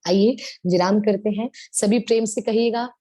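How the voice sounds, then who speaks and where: Warm, tender devotional storyteller woman. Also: mid-range voice, moderate pace, no room sound. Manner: tender, animated storytelling with Hindi-English mixing. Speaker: devotional speaker.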